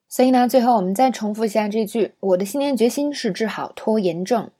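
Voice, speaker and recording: A woman gives a spoken English lesson with patience, pulling each word apart syllable by syllable. Her voice sits at a middle pitch, and she keeps drawing in her listeners with small questions as she moves along. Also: darkish tone. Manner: patient, explains pronunciation syllable by syllable; often checks in with a tag question. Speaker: English teacher.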